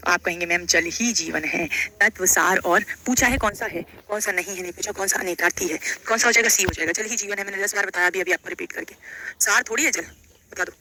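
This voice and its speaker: A woman teaches a live online Hindi grammar class for an exam, working question by question, repeating phrases, checking in with students and calling them by casual endearments. Her medium-pitched voice is quick and sharp, and the recording is rough with slight background noise.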